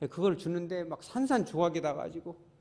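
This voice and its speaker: A male pastor preaches to his congregation and tells a story, acting out the voices of the people in it. His pitch rises and falls widely, and he keeps turning to the listeners with questions. The long echo of a church hall trails after each phrase. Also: brisk, gravelly. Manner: storytelling with lively quoted dialogue, asks the congregation questions. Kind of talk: sermon. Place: church sanctuary.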